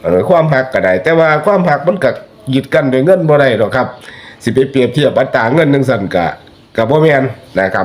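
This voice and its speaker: A man with an Isan accent giving chatty, folksy spoken commentary that turns into preachy warnings to his listeners. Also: a little high. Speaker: online commentator.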